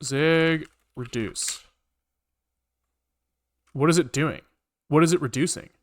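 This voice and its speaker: A man with a fairly high pitch speaks slowly as he livestreams programming. It's casual thinking-aloud commentary with muttering, repeated phrases and occasional swearing, and keyboard typing and clicking run in the background.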